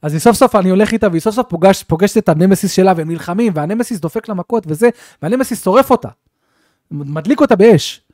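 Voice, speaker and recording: A man co-hosting a casual gaming podcast, telling game stories with animated, acted-out bits. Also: sits high, no echo, clean studio sound. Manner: animated storyteller, acts out scenes. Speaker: podcast co-host.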